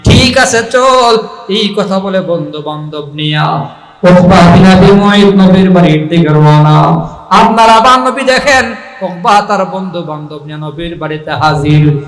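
Bangladeshi male preacher, dramatic storyteller who acts out his characters, lifts into chanting, high-pitched, echoey loudspeaker sound. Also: unhurried, faint music behind. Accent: Bangladeshi colloquial Bengali. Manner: rising singsong chanting at emotional peaks. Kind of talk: Bengali waz sermon storytelling. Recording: echoey public address sound.

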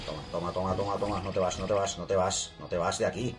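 A man with a Spain accent commentating his own video game match, excitable and yelling at the action. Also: sits low, quick pace. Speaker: gaming channel host. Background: game music.

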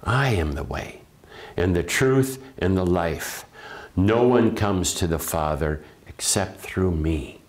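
Man, priest, funeral homily, very low voice, unhurried, gentle and reflective. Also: lively intonation. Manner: slow, gentle and reflective, with restarts.

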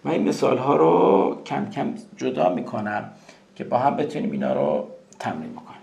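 Gravelly man teaching English. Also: medium pitch, sing-song, a little mellow, echoey room, muffled recording, slight background noise. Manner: chatty, addresses students as kids, repeats English phrases slowly. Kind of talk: recorded screen-share grammar lesson.

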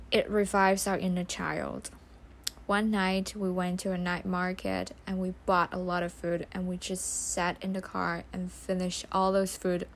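A young woman vlogger narrates a reflective voice-over softly and slowly, with non-native phrasing and a fairly low pitch. She was recorded on a studio voice-over mic over a music bed, with slight background noise.

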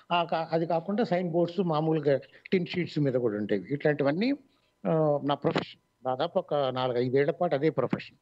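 A man with a Telugu accent, a mimicry artist, answering radio interview questions in a measured, explanatory way with many pauses and fillers. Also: a little high. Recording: dull lo-fi online radio audio.

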